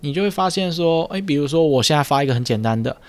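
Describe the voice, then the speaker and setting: A man, speaking a little higher than most men. He is a speech therapist chatting on a studio podcast, explaining calmly and slipping in playful teasing. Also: quick pace. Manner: explains patiently, teasing and joking. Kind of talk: casual explanatory podcast chat. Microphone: studio mic with headphones.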